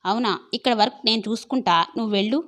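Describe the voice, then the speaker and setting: A woman voicing a friendly young coworker who talks in a brisk, supportive way in an audio story. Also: a little high, fairly even intonation, fairly bright tone, lightly acted.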